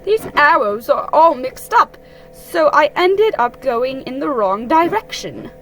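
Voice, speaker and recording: A woman voicing a polite, slightly befuddled storybook owl with drawn-out, emphatic delivery. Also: sits high, lively intonation, fairly bright tone, a little hiss or hum, pitched above the performer's own voice, exaggerated voice, low-quality recording. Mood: explaining.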